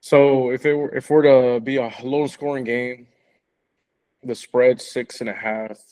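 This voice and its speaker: A man's voice: mid-range voice, fairly even intonation, dark tone. Guy on a football podcast, keeps repeating himself and laughing, just chatting. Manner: halting, repeats words, laughs often. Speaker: sports podcast co-host. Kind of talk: casual sports chat.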